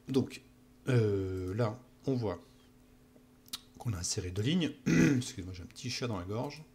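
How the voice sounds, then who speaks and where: A man teaching a software tutorial while walking through his screen, often checking in with "d'accord?". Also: fairly low pitch, slight background noise. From France. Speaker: instructor.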